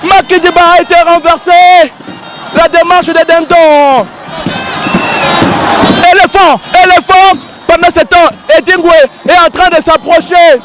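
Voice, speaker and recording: A hoarse man calling a wrestling match live, shouting and repeating his lines with drama. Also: very high voice, fairly even intonation, unhurried. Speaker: wrestling commentator. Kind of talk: excited live sports commentary. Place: outdoor wrestling ring with a crowd. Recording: loud crowd and music outdoors.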